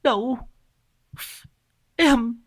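A man voicing a loud-throated village widow who sobs and pleads. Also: very high voice, extremely slow, pitched above the performer's own voice, full character voice. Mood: sobbing plea.

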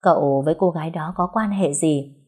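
A woman's voice: low voice, brisk, mellow, husky. A woman voicing a greedy older brothel madam who fawns on the rich and haggles for money. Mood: haughty. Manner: fawning yet haughty, wheedling.

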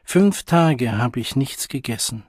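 A lonely, earnest young outcast, wounded and searching, read by a man in an audiobook. He speaks slowly and confidingly in a husky voice. The sound is dry and close. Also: medium pitch, expressive, a little mellow, no room sound.

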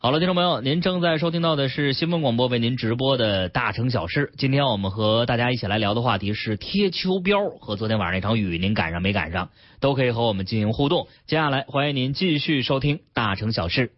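Male radio host, animated and teasing, slightly husky. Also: mid-range voice, fast talker, hardly any pauses, muffled recording. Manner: chatty, teasing banter. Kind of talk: casual radio chat. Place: radio studio. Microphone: studio mic.

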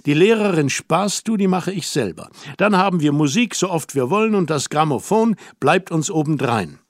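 A man reading the part of a lively, playful young woman who muses and coaxes gently, as in an audiobook. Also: on the high side, normal speed, no echo, clean studio sound. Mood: musing, coaxing.

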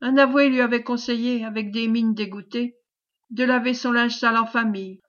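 A woman narrating a classic French novel as an audiobook reader, in a measured, expressive way. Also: a little high, highs cut off.

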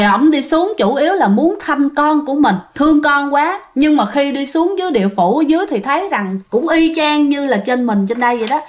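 A woman telling ghost stories in a casual, chatty way, often speaking straight to her listeners. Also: high-pitched. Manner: chatty, addresses listeners directly, with fillers. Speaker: ghost story narrator. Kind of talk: casual spoken storytelling.

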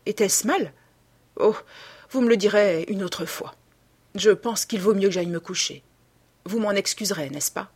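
A woman reading a troubled, weary young gentleman. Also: mid-range voice, slightly rough, lightly acted. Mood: subdued. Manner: sad, subdued, uneasy.

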